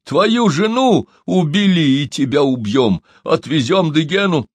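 A man voicing angry male villagers who shout harsh, jeering threats. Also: on the high side, animated, measured pace, no echo, pitched above the performer's own voice.

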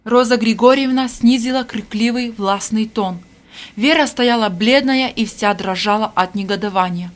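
A woman reading an audiobook aloud in measured scripted narration. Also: a little high.

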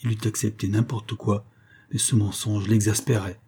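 A man narrating a classic novel as an audiobook in a measured, expressive storytelling manner. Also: fairly low pitch, breathy edge.

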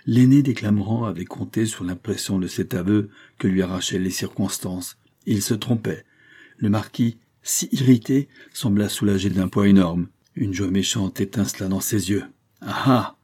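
A man reading a classic novel aloud in steady, dramatic narration. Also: lowish voice, moderate pace, breathy edge. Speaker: audiobook reader.

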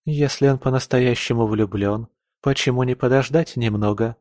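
A man's voice: mid-range voice, steady tone, moderate pace, a little mellow, no echo, natural voice. A man voicing a cool, indifferent young woman. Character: calm, indifferent young noblewoman, elder sister.

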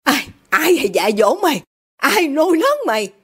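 A woman reads a furious middle-aged father who got rich by shady deals. He shouts insults at his daughter in a high, wildly swinging voice, bullying and contemptuous. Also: very animated, moderate pace. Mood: raging.

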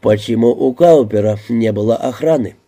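A man's voice: mid-range voice, normal speed, dark tone, lightly acted. A man reading an audiobook voices a stern, demanding male police chief who questions coldly. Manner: cold interrogating questions.

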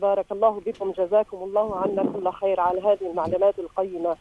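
An older woman calls in over the phone. She talks very fast, and her voice sounds thin and boxed in through the line. She is eager and courteous. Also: mid-range voice, flat delivery, slight background noise. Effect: heard over the phone line. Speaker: caller. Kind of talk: call-in question to a religious scholar.

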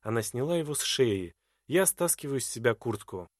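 A man giving an expressive, dramatic first-person reading of a literary novel. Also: medium pitch, moderate pace, no echo, clean studio sound. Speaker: audiobook reader.

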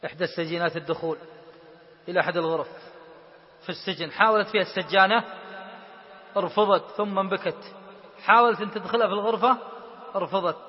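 A man's voice: high voice, fast, pauses often. A man preaching an impassioned sermon. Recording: lo-fi recording with long reverb.

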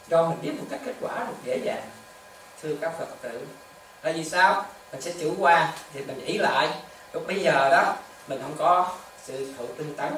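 A Buddhist monk giving a dharma talk to lay followers, with repetitive, animated storytelling and rhetorical questions. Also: medium pitch, a little hiss or hum. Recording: echoey hall, distant mic, faint ambience.

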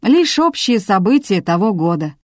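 A woman plays a weary, snide heir, sighing with a faintly snide manner. Her medium-pitched voice swings widely in pitch at a normal speed, a little mellow, pitched above her own voice yet close to everyday speech. The sound is clean studio audio with no room sound.

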